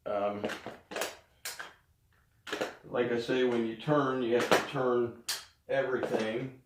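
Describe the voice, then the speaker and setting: A middle-aged man giving a casual spoken update, talking haltingly with pauses in mid-sentence. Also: mid-range voice, steady tone, very noisy. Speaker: vlogger giving a health update. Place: indoors in an echoey room. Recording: echoey room, distant mic.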